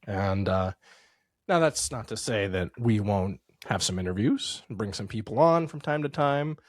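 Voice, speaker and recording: Rambling American podcast co-host, dry mic. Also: male voice, fairly low pitch, lively intonation, moderate pace, dry recording. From United States. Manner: rambling, self-correcting, chuckles often. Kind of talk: casual podcast chat. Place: home setup in the San Francisco Bay Area.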